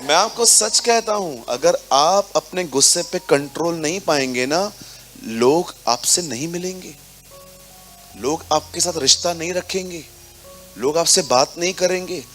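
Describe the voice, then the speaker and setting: A male preacher with a slightly high voice, leading a sermon in a church hall. He is animated and acts out small scenes as he talks, dropping words into his speech, with faint music playing behind him. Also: measured pace. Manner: animated, acts out little scenes, mixes English into Hindi. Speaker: pastor.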